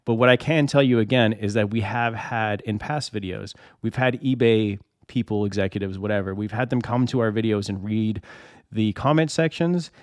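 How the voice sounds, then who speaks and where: Feeling under the weather, a male channel host explains things casually to camera in a fairly low voice at normal speed, with clean studio sound and no echo. He repeats himself and constructs a long hypothetical example, asking rhetorical questions along the way.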